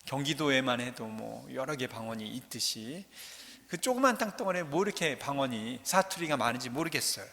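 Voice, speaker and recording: Male priest, sermon, middle-aged, conversational and joking, bright forceful tone, long church reverb. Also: mid-range voice, lively intonation, fairly quick, creaky. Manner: conversational, joking, asks the congregation questions. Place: large church.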